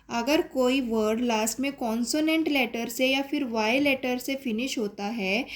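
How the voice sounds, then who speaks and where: Indian-accented woman teacher, young adult, high-pitched, unhurried, patient step-by-step explaining. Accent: Indian English. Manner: explains step by step, rapid in Hindi, slow and deliberate in English. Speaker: English teacher. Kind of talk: classroom lesson, mixing Hindi and English.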